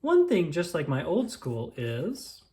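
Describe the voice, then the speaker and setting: In this storybook read-aloud told from a child's point of view, the reader's pitch sits in the middle range. Intonation swings with lots of animation, and important phrases are deliberately drawn out.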